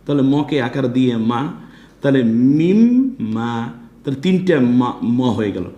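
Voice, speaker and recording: A man's voice: medium pitch, lively intonation, dark tone, reverberant, dull audio. A man teaching Quran recitation step by step, spelling out syllables and explaining pronunciation rules. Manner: spells out syllables slowly, then chants verses drawn out.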